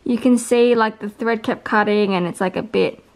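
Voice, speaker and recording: A woman's voice: mid-range voice, moderate pace. A woman vlogging casually, chatting upbeat with lots of fillers while cooking in her home kitchen. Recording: echoey room with faint noise.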